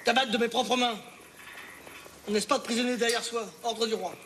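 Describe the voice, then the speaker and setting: An actor playing a gruff, crude soldier who talks bluntly and sarcastically. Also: male voice, very high-pitched, steady tone, a little fast, fairly bright tone, slight background noise. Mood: scornful. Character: gruff rude French soldier, crude and scornful. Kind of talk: film drama acting.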